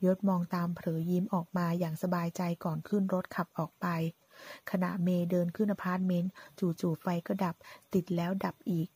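A woman narrating a drama story in a steady storytelling voice, voicing every part herself. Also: on the low side, husky. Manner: reads all parts in one voice, quoting lines with light shifts.

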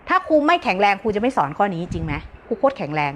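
Woman, self-help teacher, brash and joking, very lively intonation. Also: mid-range voice, rapid-fire, a little hiss or hum. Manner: brash, earthy, joking, with frequent laughter. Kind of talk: lively live-stream teaching talk.

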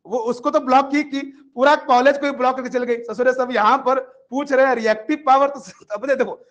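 High-pitched man teaching an exam class. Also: fairly even intonation, a little fast, fairly bright tone. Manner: chatty, addresses students as "beta" and "bhaiya". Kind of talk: classroom lecture. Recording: dull lo-fi recording.

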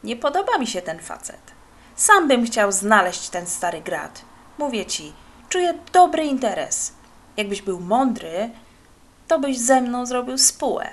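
A woman's voice: on the high side, very animated, measured pace, fairly bright tone. A woman voicing a sly young male hustler in a children's storybook, talking in a mocking, scheming way.

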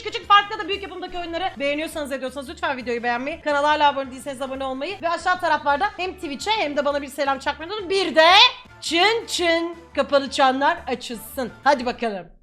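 A woman YouTuber commentating a game she is playing, excitable, shouting at the game and laughing often. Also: very high voice. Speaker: gaming YouTuber. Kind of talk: let's play commentary.

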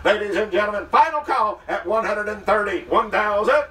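A man working as an auctioneer, calling bids in a rhythmic rolling chant with quick sales patter into a handheld mic at an outdoor farm sale. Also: high voice, pushed and bright, recorded from a distance. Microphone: handheld microphone. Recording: roomy sound from off-mic.

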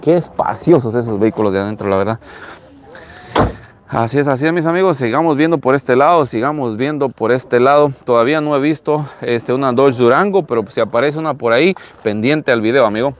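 Man, thirties, Latin American Spanish accent. Casual live-stream host, chatty and repetitive, mid-pitched, recorded outdoors on a handheld phone. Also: fairly quick, slight background noise. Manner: chatty, repeats phrases. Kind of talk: casual live vlog commentary, showing used cars. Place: outdoors in an open car lot. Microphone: handheld phone at arm's length.

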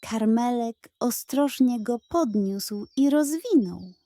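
A woman tells a children's bedtime story in an unhurried, gentle, expressive way, her voice mellow and fairly high. The recording is slow-paced, close, and dry.

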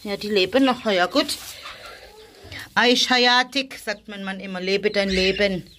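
Slow-talking woman in a noisy farmyard. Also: mid-range voice, fairly even intonation, pushed and bright. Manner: chatty, talks to animals in a coaxing sing-song. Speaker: vlogger. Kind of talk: casual vlog commentary. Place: farmyard stable with animals.

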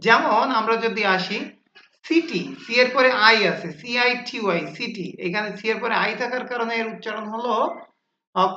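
A woman teaching phonics in a classroom style, explaining slowly and repeating rules with fillers. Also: fairly high pitch, sharp tone, slight background noise. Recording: dull lo-fi sound in an echoey room.

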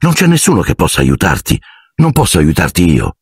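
A man reading an audiobook, voicing a polite, nervous boy wizard who speaks in an earnest, hushed, awkward way. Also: deep voice, wildly swooping pitch, fairly quick, husky, dry recording, studio quality, exaggerated voice. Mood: urgent. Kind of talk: audiobook character voice.

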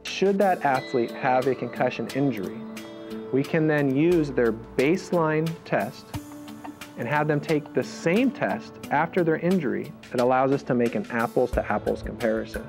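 A man who tests athletes for concussions, explaining his work clearly and patiently. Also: mid-range voice, animated, moderate pace, over music. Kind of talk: interview and explaining results.

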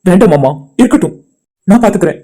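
A man voicing a young son-in-law, polite and quietly hurt. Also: high voice, lively intonation, fast talker. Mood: subdued. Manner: polite, subdued. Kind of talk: amateur cartoon voice acting.

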